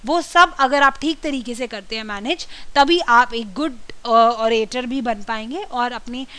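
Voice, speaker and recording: A woman's voice: on the high side, a little slow, sharp tone, low-quality recording. A woman, teaching a communication skills class and explaining step by step. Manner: explanatory, drills words with exaggerated stress. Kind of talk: classroom lecture mixing Hindi and English.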